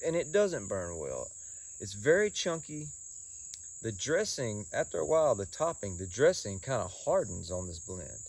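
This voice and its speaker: A man giving a casual solo review in a folksy, halting way, often repeating words and pausing. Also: fairly low pitch, gravelly, darkish tone, breathy edge, dry recording. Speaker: pipe tobacco reviewer.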